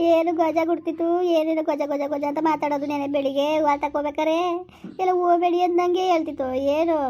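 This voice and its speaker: A woman playing a quick, high-voiced grieving village woman. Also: close to an everyday voice. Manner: lamenting and scolding in rapid rural speech. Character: grieving village woman consoling her family. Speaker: village drama actor. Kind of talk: rural family drama dialogue.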